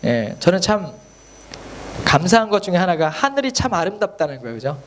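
Male pastor preaching a sermon. His voice is bright and high for a man and swings widely in pitch. He sounds earnest and emphatic and keeps asking the congregation rhetorical questions. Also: sing-song, a little fast, slight background noise.

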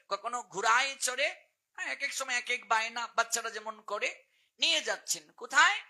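A man's voice: very high voice, pushed and bright. A man preaching, telling a devotional story and explaining it to listeners with frequent rhetorical questions. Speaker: preacher and scripture reciter. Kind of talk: storytelling sermon.

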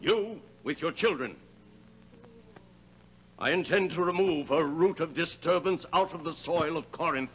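An actor playing a stern, powerful king who speaks in a measured, commanding way in 1950s stage tragedy style. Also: a little high, fairly bright tone, dull audio.

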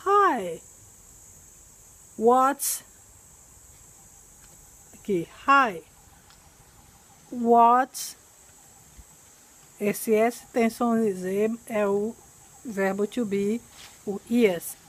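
A woman from Brazil teaching an English lesson outdoors, patiently repeating words slowly to drill pronunciation. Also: fairly high pitch, fairly even intonation, dry recording, low-quality recording. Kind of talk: recorded language lesson.

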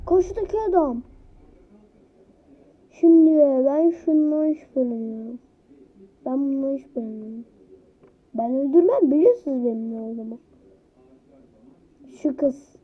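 High-voiced woman gaming commentator. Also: unhurried, long pauses. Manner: excitable, teasing, laughs often. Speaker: gaming YouTuber. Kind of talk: casual let's-play commentary. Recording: dull lo-fi home recording.

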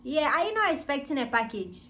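In a small living room, a woman in her twenties with a Ghanaian accent makes a prank phone call, posing as a delivery service. This vlogger sits at arm's length from the phone mic, sounding polite but insistent in a customer-service style. Her voice sits high, with big pitch swings, a fast pace, and a fairly bright tone.

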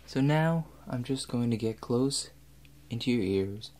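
This is a slow, soft-spoken young man in his 20s with a mid-range voice, role-playing a doctor giving an exam in ASMR style. Measured and calm, he leads the listener through each step. There's a clear, even hum in the background of the small room he's in.

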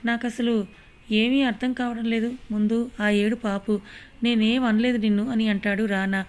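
A woman reading a romance story aloud as storyteller, giving every character the same steady voice. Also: fairly high pitch, moderate pace.

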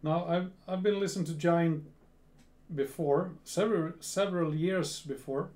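A Swedish man in his thirties, with a Swedish accent, chats casually in a reaction video from a small home room packed with gear. His voice is a little high, steady and darkish in tone. He talks slowly, often repeating words and restarting.

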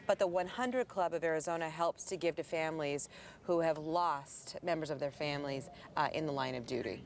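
A woman's voice: low voice, fairly quick, slight background noise. Upbeat woman hosting morning TV outdoors. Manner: upbeat, laughing often. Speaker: morning TV show host. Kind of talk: live morning TV segment. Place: outdoor garden by a hotel pool. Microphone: lapel mic.

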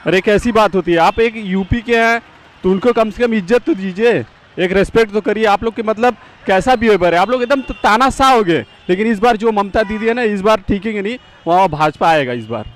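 Stopped on a city street, a passerby gives a reporter an emphatic, repetitive opinion, lecturing as he goes. His voice is high-pitched and brisk.

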